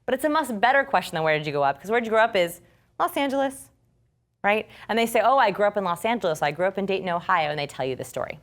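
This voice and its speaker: A woman instructor teaching a storytelling class, lively and acting out quoted speech. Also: mid-range voice, rapid-fire.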